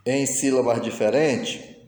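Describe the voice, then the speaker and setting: Patient teacher in an echoey room. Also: male voice, mid-range voice, steady tone, unhurried, a little mellow. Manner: patient, explains step by step, answers his own pretend student questions. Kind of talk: recorded online lesson. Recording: echoey room with long reverb.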